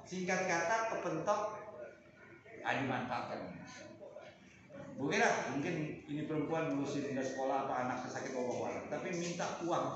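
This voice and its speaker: A man delivers a lively sermon, his voice slightly high and jumping to sudden loud peaks as he tells stories. He is recorded from a distance in a very echoey room, the sound muffled and dull with steady background noise. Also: normal speed. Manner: animated storytelling with sudden loud peaks, Arabic recitation. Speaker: preacher.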